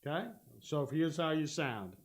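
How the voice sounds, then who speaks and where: High-voiced man teaching guitar. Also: expressive, a little slow. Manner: explains step by step, hums rhythms, checks in with "okay?". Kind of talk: live-stream guitar lesson. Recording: guitar playing loudly behind. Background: guitar playing and looper.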